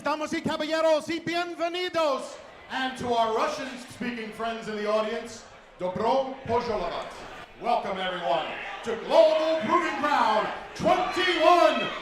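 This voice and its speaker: High, slow, booming ring announcer; echoey arena, music and crowd behind. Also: male voice, background noise.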